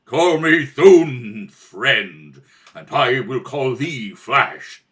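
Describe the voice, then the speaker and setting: A man's voice: mid-range voice, animated, drawn-out words, fairly bright tone, voice pushed down. A man voicing a proud, noble warrior prince in a radio space serial, with formal, archaic speech. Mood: stately, friendly. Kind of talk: old-time adventure radio serial acting.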